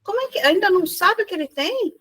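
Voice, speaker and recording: Chatty woman, high voice, tired, casual talk over a video call. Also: animated, pushed and bright, a little hiss or hum. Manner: chatty, talkative, quick to chime in. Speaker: study group member. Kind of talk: casual chat.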